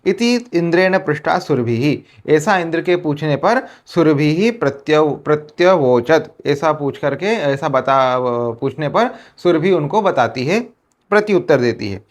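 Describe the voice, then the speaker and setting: Indian guy teaching a class, slightly high voice, reads a line then explains it slowly over and over. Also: animated. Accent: Indian Hindi. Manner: reads a Sanskrit line, then restates it several ways in Hindi. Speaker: Sanskrit teacher.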